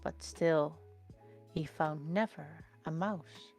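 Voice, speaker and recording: A woman reading a children's storybook aloud in a slow, gentle, expressive way. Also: low voice, creaky, faint music behind.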